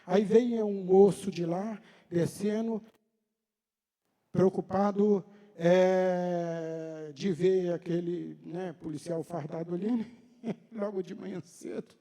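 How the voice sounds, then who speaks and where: A man's voice: high voice, steady tone, slow pace, dark tone, big-room sound. A man preaching a sermon, telling a personal story in a conversational way and acting out the dialogue. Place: church hall.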